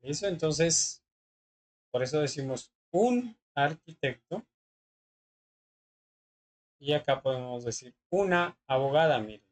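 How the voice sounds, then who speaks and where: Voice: medium pitch, lively intonation, takes it slowly, long pauses. A teacher, patiently explaining English grammar in class and often checking that students follow. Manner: patient, often checks understanding with short questions.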